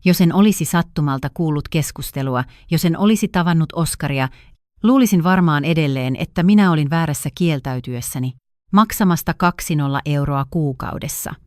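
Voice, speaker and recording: A woman narrating a first-person family drama story in an even, measured way. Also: deep voice, no room sound, studio quality.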